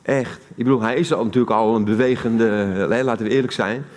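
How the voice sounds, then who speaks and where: A male preacher with a Dutch accent talks fast in a mid-range, slightly mellow voice with fairly even intonation. During his live sermon in a church hall, he keeps things conversational and asks the congregation questions.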